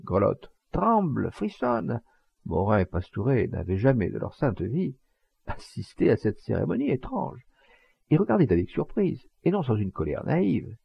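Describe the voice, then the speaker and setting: A man's voice: medium pitch, vocal fry, slightly rough, no room sound, lo-fi sound. A man reading a classic novel aloud as an audiobook, narrating expressively. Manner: expressive storytelling. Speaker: audiobook reader. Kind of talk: scripted narration.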